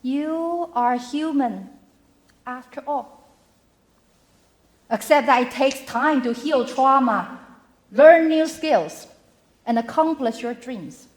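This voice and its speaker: Slow, high-voiced woman giving a keynote. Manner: slow, measured phrasing in short emphatic chunks. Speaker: mental health keynote speaker. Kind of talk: motivational keynote speech. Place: arts center venue before a live audience.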